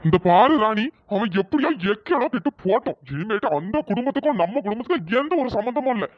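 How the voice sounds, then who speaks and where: A voice actor playing a calm, firm middle-aged father in a cartoon story. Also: medium pitch, fast talker, no echo, dull audio, natural voice. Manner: soothing, firm.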